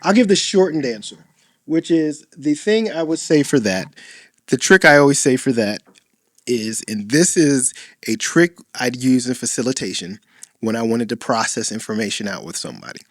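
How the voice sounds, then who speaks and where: A man co-hosting a dating-coach podcast in casual chat, playful and animated, often acting out quoted lines. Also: mid-range voice, normal speed, no room sound, studio quality.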